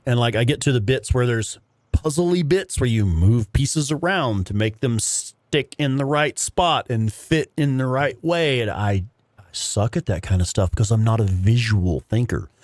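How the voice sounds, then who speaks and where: A man's voice: mid-range voice, expressive, normal speed, dry recording, clean studio sound. A man hosting a gaming livestream with casual, rambling commentary and some swearing. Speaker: livestream host playing a video game.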